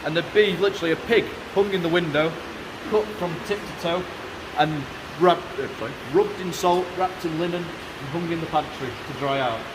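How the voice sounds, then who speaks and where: A man's voice: fairly high pitch, moderate pace. A man working as a cave guide, giving an informal, explanatory tour with casual asides in an echoing cave. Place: inside a large show cave. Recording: echoey cave, loud background noise.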